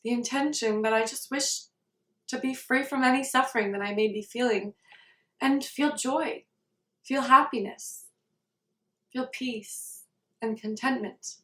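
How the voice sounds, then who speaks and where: A woman guiding a meditation in a slow, soft, calm way. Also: a little high. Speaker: meditation guide. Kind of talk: guided meditation. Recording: roomy sound, somewhat far from the mic.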